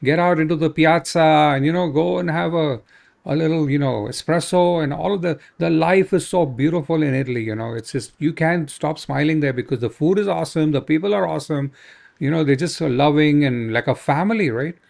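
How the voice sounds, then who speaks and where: A man with a gravelly, fry-heavy voice pitched a touch high preaches with fervor. He urges listeners on and keeps checking in with "right?" as he ministers. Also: a little fast, darkish tone. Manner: fervent, exhorting, repeats "right?". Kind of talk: prayer ministry talk.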